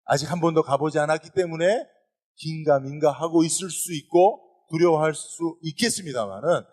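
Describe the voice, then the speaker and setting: A man preaching a sermon as pastor, animated, often addressing the congregation directly. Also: on the high side, normal speed. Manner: animated preaching with calls of "여러분".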